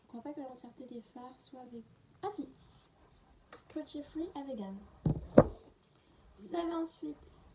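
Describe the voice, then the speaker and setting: A woman talks through a beauty haul in a relaxed, unscripted way, her voice mellow and soft-edged. She keeps slipping into a half-whisper between livelier remarks. A faint hiss sits under the recording. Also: sits high, unhurried, long pauses. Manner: chatty, often drops to a half-whisper. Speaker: beauty vlogger. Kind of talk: casual unedited haul chat.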